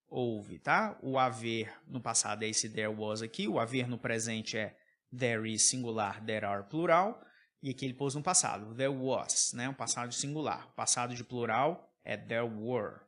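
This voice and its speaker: A man's voice: medium pitch, fairly bright tone. A man with a Brazilian accent teaching English through song lyrics, explaining words step by step and checking in with short questions. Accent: Brazilian Portuguese. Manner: patient, checks in often with tag questions.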